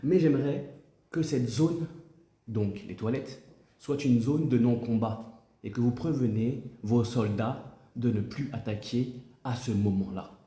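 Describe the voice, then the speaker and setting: A man's voice: medium pitch, measured pace, mellow, roomy sound, close to an everyday voice. A man playing a stern, pompous president in a comic sketch, insinuating and mock-diplomatic as he scolds and threatens. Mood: indignant, pompous.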